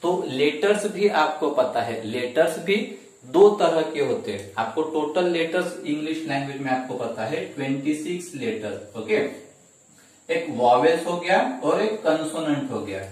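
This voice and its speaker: A man's voice: on the high side, expressive, a little slow, darkish tone. A male teacher giving an exam-prep grammar lesson, repeating each point and asking and answering his own questions, often saying "okay". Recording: very echoey room, mic far off.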